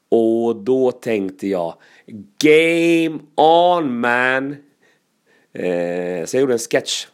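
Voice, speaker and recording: A comedian telling casual, lively anecdotes, with laughs and asides. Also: male voice, fairly low pitch.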